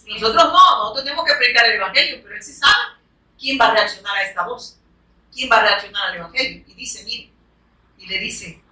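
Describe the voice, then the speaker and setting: Woman preacher, emphatic sermon delivery, bright and fairly high voice, heard from a distance. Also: brisk. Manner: emphatic, keeps urging listeners to look and punctuates with amen. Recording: echoey room, voice picked up from a distance.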